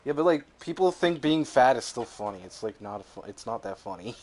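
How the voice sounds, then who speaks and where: A man's voice: mid-range voice, lively intonation, fairly quick, noisy background. A young man co-hosting a podcast in casual chat, rambling and swearing freely, laughing often. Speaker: podcast co-host.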